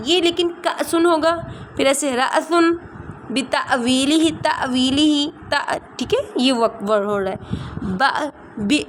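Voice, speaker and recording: Woman w/ teaching tajweed, high voice, patient n repetitive, faint hiss behind. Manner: patient, repeats sounds slowly and checks with "theek hai?". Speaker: Quran recitation teacher. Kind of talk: online tajweed lesson.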